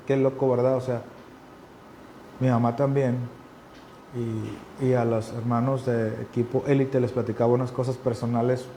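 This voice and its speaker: A man's voice: mid-range voice, a little mellow, slight background noise. A man preaching a sermon in an earnest, conversational way, repeating key phrases for emphasis. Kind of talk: sermon teaching.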